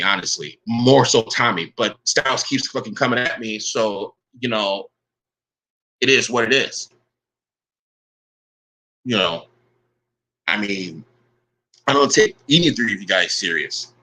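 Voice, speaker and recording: An online commentator rants angrily on his vlog in a fairly low, pushed, bright voice, and the audio quality is poor. He's confrontational and profane, hurling "bro" at his rivals, and claims he uses the same voice with everyone.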